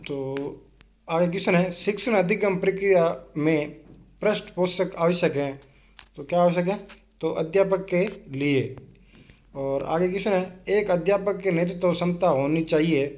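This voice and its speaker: A man's voice: sits high, unhurried, pauses often, a little mellow. A man with a Rajasthani Hindi accent teaching an exam-prep quiz lesson. He reads each question, asks it back and answers it himself.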